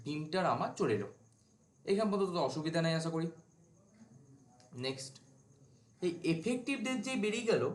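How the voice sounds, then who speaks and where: A man's voice: high voice, reverberant. A male teacher giving an informal whiteboard lecture to students, asking questions and then answering them himself. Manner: informal, asks and answers his own questions. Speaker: civil engineering teacher.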